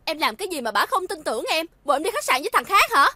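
An actress playing a jealous, sharp-tongued young fiancée, needling and confrontational. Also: female voice, sits high, sing-song, fast talker, dry recording, heavily acted.

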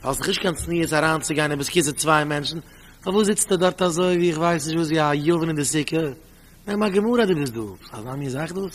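A rabbi teaching a Talmud class in an animated style, with a fairly high voice. He reads out the source text, explains it and asks rhetorical questions. The recording carries a long, hall-like reverb. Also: quick pace. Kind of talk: Talmud study lecture.

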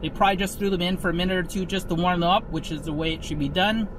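A man with a high voice chews and talks through a mouthful of food as he gives his casual verdict. He muses aloud between bites. Outdoor car-park noise is clearly heard behind him. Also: fairly even intonation, rapid-fire. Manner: chewing while commenting, musing aloud. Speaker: food vlogger. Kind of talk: casual food review vlog.

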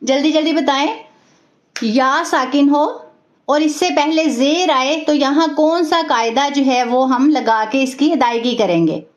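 Female recitation teacher with a high voice, patient and repetitive, warm with praise; echoey, dull recording. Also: measured pace. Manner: patient, repeats each rule step by step; praises students warmly. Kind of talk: tajweed lesson.

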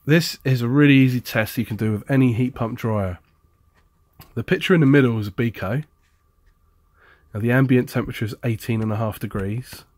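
A man's voice: medium pitch, a little fast, darkish tone, dry recording. A man explaining appliance repair in a casual, chatty how-to style, blunt and jokey, with a sarcastic streak.

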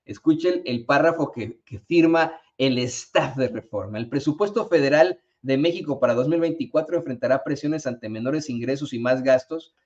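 A man's voice: medium pitch, a little mellow, highs cut off. A man with a Mexican Spanish accent hosting an opinionated news commentary show, sarcastic and combative, swearing freely. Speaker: political commentary host.

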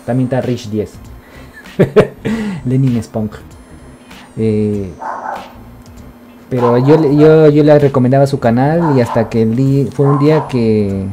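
A male streamer chatting casually on a live stream, excitable, swearing and rambling. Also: mid-range voice, slow pace, pauses often, over music.

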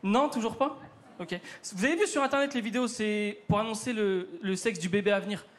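A man's voice: high voice, a little fast, slight background noise. A man with a North African French accent doing a chatty stand-up routine on a theater stage, talking straight to the crowd. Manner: chatty, addresses the crowd directly. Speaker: stand-up comedian.

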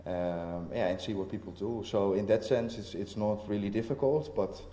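Speaking on a relaxed festival panel, a visiting artist uses a fairly low, warm voice but keeps stalling, with many fillers and restarted phrases. The roomy hall carries a faint hum of noise.

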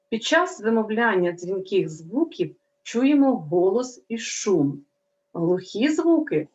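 A woman teacher speaks to young children at a slow, deliberate pace, sounding out each letter with care. Her voice sits in an ordinary middle pitch. The recording is slightly dull and lo-fi. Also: a little mellow. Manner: slow, careful, clearly pronounced teaching. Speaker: primary school teacher.

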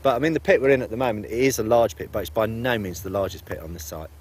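A man's voice: lowish voice, fast, darkish tone, slight background noise. A male countryside warden explaining his work in a matter-of-fact way during an outdoor interview. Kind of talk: casual interview.

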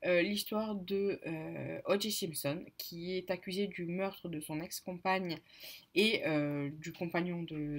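A book vlogger with a lowish, husky voice casually chats through a book haul, presenting her reading list. She sounds hesitant, fills her speech with fillers and self-corrections, and apologizes for her pronunciation.

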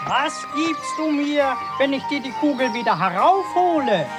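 A woman plays a fairy-tale frog in a radio play, pitched high and swooping up and down as it bargains slowly. Music plays clearly behind it. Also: animated. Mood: pleading. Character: slow, halting frog who cannot croak.

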